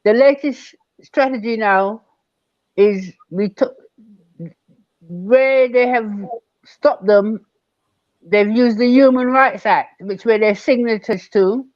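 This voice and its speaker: Older man, slow and emphatic. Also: high voice, dry recording, highs cut off. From Barbados. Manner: measured, emphatic, repeats key words. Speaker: guest elder. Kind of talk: online panel discussion.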